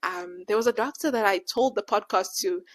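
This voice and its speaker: A woman in her late twenties who says w for r, speaking as a podcast host in casual, animated personal reflection with slangy retold dialogue. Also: mid-range voice, normal speed. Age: late 20s. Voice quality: can't pronounce R, says w for r.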